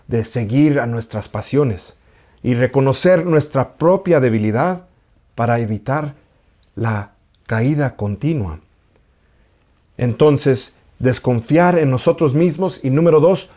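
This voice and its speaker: A man with a medium-pitched, dark voice gives a spiritual teaching talk as an Orthodox priest. Raised in an English-speaking country, he speaks earnestly but haltingly, apologizing for his Spanish, repeating phrases for emphasis and slipping in English words.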